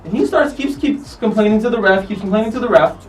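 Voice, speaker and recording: Brief: male host, high-pitched and animated, off-mic slightly, music bed behind, casual soccer commentary. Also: fast, recorded from a distance, low-quality recording. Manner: animated, profane, acts out players' lines. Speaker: host of a soccer countdown show. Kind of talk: casual commentary over match footage.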